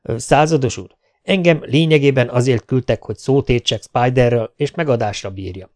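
An earnest, determined male lieutenant presses his case insistently, as a man reading a novel puts him on. His voice stays close to the reader's own, steady and serious, in an audiobook scene. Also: medium pitch, close to an everyday voice.

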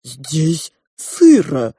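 Woman doing a pompous two-headed pig lady, very slow drawl, dark mellow tone, dry close sound. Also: deep voice, huge pitch swings, slightly rough, no echo, full character voice. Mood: ponderous. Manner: slow, ponderous, drawn-out speech. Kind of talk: audiobook character voice.

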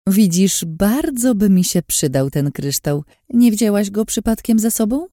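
A woman's voice: mid-range voice, expressive, a little slow, mellow, dry recording, studio quality, voice pushed up, natural voice. A woman voicing a scheming, mocking woman in an audiobook, smug and threatening, in a taunting sing-song way.

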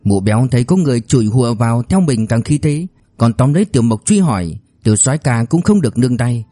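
A man narrating a novel as an audiobook in a brisk storytelling manner. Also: mid-range voice, lively intonation, dark tone, no room sound, soft background music.

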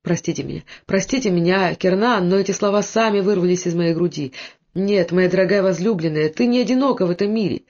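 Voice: mid-range voice, brisk, darkish tone, close to an everyday voice. A reader voicing a devoted, brave young nobleman who speaks with impassioned earnestness, on a dull lo-fi recording.

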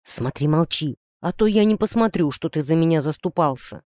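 A woman's voice: deep voice, expressive, normal speed, mellow, no room sound, clean studio sound. A woman reading a storybook voicing a blunt, tough teenage boy who talks in a threatening hiss. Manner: hissing, threatening.

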